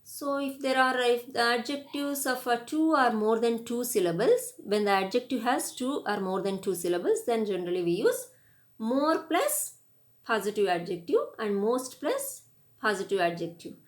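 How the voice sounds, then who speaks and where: A woman's voice: fairly high pitch, expressive, moderate pace. A woman with an Indian English accent giving a grammar lesson, spelling words out letter by letter and reading word lists. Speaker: English teacher. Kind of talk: classroom grammar lecture.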